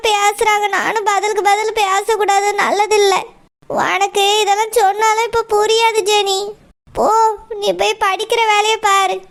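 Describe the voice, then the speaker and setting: A woman voicing a gentle young daughter-in-law in a village cartoon, talking in a soft, pleading, sobbing way. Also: very high-pitched.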